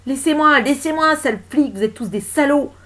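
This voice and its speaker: A woman's voice: lowish voice, moderate pace, lightly acted. A woman voicing a furious, humiliated cleaning woman who screams in defiance, in a storybook reading. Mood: enraged.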